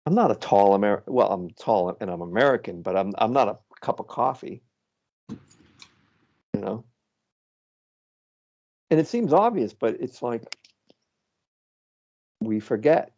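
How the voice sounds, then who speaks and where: Gravelly slow-talking man on a call. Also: fairly low pitch. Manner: calm, patient, thinks aloud with restarts. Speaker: facilitator guiding self-inquiry. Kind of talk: slow reflective coaching on a video call. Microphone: video call. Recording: muffled lo-fi video call audio.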